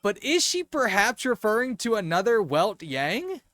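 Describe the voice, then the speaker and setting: Excitable streamer, high voice, rambling let's-play reactions. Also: male voice, moderate pace, no echo, soft background music.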